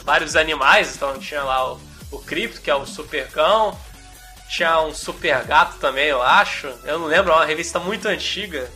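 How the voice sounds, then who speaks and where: A Brazilian man co-hosting a podcast, chatting casually in an animated, rambling way. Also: fairly high pitch. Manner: animated, rambling, fillers of "cara". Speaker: podcast host. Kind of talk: casual chat.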